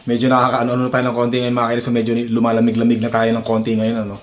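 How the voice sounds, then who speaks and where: A man's voice: medium pitch, racing, a little hiss or hum. Chatty man recording a phone vlog. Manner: animated, chuckling, tag questions. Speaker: vlogger. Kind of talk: casual storytelling to viewers.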